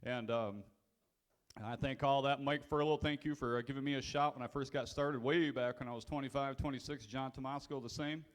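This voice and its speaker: A man who is an auctioneer, giving a speech and then calling bids in a fast rhythmic chant at an event. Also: medium pitch, fairly even intonation. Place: event hall.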